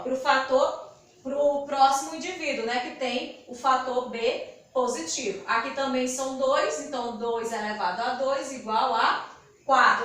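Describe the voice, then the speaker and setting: A woman's voice: high voice, fairly bright tone. A woman teacher, explaining a lesson step by step and asking and answering her own questions. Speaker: biology teacher. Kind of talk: recorded classroom lesson at a board. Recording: very echoey room, voice far from mic.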